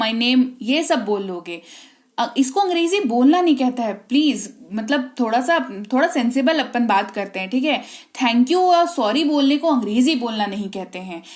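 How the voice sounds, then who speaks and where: Woman, Indian accent, high-pitched, English teacher, chatty step-by-step explaining. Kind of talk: online English lesson.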